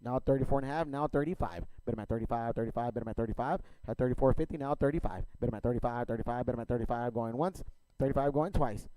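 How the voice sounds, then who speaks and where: A man working as an auctioneer, calling bids in a rapid, repetitive chant of numbers and stock phrases. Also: medium pitch, warm tone, no room sound, low-quality recording.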